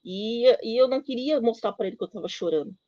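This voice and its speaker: A middle-aged woman giving a personal testimony at church, telling her story with emotion and halting with many fillers. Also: on the high side, mellow, no room sound, dull audio.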